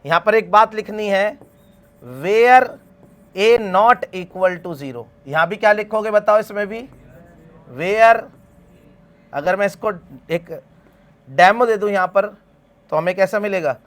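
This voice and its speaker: His voice is high, a bit bright, unhurried and dotted with pauses. This math teacher lectures a class, firing questions at his students only to answer them himself, addressing them as beta while walking through every step.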